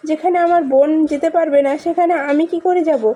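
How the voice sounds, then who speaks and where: A woman's voice: very high-pitched, steady tone, fast, dark tone. A woman voicing a reluctant young husband who pleads with his mother, in a spoken drama recap. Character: troubled young husband, torn and sullen.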